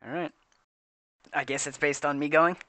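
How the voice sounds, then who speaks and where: A man's voice: a little high, fairly even intonation, normal speed, bright, forceful tone. A man chatting casually as a player in a tabletop game.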